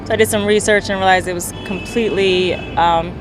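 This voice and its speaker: A woman's voice: mid-range voice, steady tone, music in the background. A woman interviewed outdoors, speaking casually and chatting about what she has seen. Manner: casual, fast-talking, chatty. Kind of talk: street interview.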